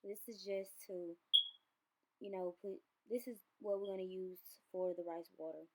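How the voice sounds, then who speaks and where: A woman's voice: medium pitch, steady tone, moderate pace, dark tone, poor audio. Young woman vlogger just chatting through a hair how-to, loose and rambly, ordinary mid voice, bit of faint hiss. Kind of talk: casual how-to vlog narration.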